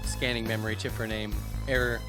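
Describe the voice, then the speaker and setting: A man's voice: fairly low pitch, flat delivery, brisk, pitched below the performer's own voice, natural voice. A man reading a forgetful male cyborg's lines as computer-processing status messages, in his own plain voice over game music. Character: amnesiac male cyborg basketball player, mechanical. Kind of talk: let's play reading the game's text aloud.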